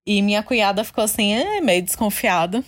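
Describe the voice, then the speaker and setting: A young woman from Brazil, a podcast co-host, telling a family story in casual chat, animated and often laughing. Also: mid-range voice, a little fast.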